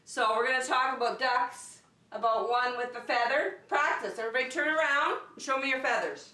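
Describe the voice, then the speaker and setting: High, a little fast, pushed and bright: that's the voice of this woman teaching preschool. She hosts story and circle time, a children's lesson with singing, speaking to the kids directly in short, simple words of encouragement. The mic sits at a distance in a large room.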